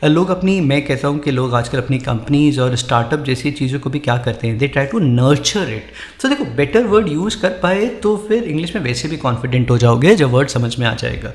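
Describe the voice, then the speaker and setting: A man teaching English vocabulary in a casual lesson, talking in Hindi mixed with English, reading the English example sentences slowly and often checking in with his listeners. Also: medium pitch, expressive, echoey room. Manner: frequent "ठीक है" check-ins, encouraging.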